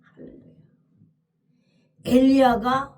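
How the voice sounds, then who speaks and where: A woman's voice: high-pitched, little pitch movement, takes it slowly, a little mellow, recorded from a distance. A woman preacher telling a scripture story as a dramatic, emphatic sermon, often crying out hallelujah.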